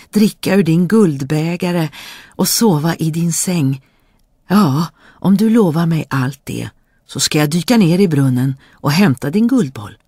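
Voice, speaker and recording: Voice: mid-range voice, a little mellow, dry recording, clean studio sound. A reader voicing an insistent male frog who calls out shrilly in a fairy tale reading. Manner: calls out shrilly, croaks kvack. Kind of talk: storybook reading.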